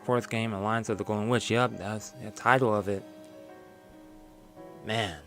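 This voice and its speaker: With faint music behind him, a young man speaks in a lowish, steady, unhurried voice that's a bit bright. Tired and losing his voice, he rambles and chuckles through a casual sign-off from his bedroom stream.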